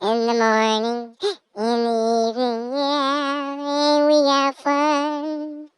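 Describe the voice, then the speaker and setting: Sped-up chipmunk voice singing a little tune, faint music behind. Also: male voice, very high voice, level tone, slow, a bit bright, no echo, pitched above the performer's own voice, exaggerated voice. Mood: playful. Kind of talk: singing a playful intro tune.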